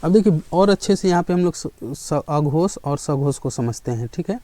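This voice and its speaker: A male teacher giving a grammar lesson in a classroom style, often pausing to check in and asking questions that he then answers himself. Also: fairly high pitch, lively intonation, mellow, no room sound. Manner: checks in with students again and again, asks and answers his own questions.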